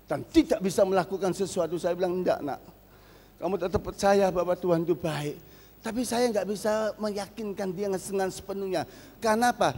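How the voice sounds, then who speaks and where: A middle-aged male pastor with an East Javanese Indonesian accent, preaching a sermon as a story and rising to shouts. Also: high-pitched. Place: large church hall. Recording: long hall reverb.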